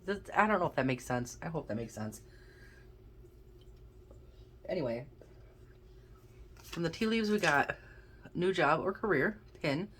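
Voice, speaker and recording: A woman doing a casual pick-a-card reading, thinking aloud with many restarts and a gentle, encouraging manner. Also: low-pitched, expressive, unhurried, long pauses, slight background noise. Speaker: tarot card reader.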